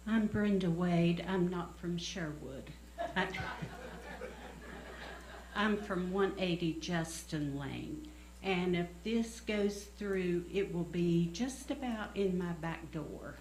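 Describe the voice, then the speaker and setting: A woman's voice: lowish voice, slow pace, a little mellow. A woman giving brief, plain public comment as a resident at a meeting. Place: indoor public meeting room. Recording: echoey meeting room with faint hum.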